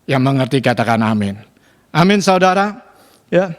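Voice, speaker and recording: A man's voice: sing-song, normal speed. A male pastor preaching a sermon, often addressing the congregation directly and asking them to say amen. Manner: repeatedly addresses the congregation, asks for amens; dramatic shifts in pitch and loudness when stressing points.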